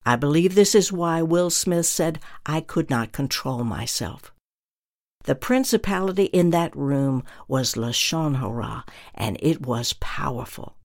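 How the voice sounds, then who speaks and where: Reading a prepared religious lesson, this minister has a voice of middling pitch. His manner is sincere and measured, stressing phrases one by one.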